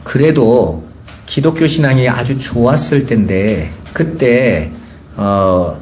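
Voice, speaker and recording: A man's voice: medium pitch, takes it slowly, darkish tone, a little hiss or hum. A pastor in his forties preaching a Sunday sermon, asking rhetorical questions and rising to emphatic points.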